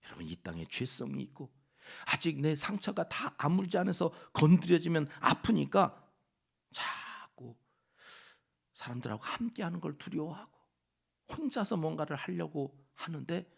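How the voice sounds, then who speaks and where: A man preaching a dawn prayer sermon in a church, with a Chungcheong Korean accent, dropping from loud exhortation to hushed whispered asides. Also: on the high side, big pitch swings, moderate pace, vocal fry, husky. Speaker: pastor. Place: church sanctuary.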